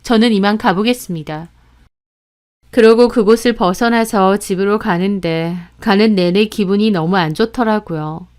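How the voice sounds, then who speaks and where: Smooth-voiced young woman telling a story. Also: mid-range voice, normal speed. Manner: calm, conversational storytelling. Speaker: story narrator. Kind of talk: scripted first-person story narration.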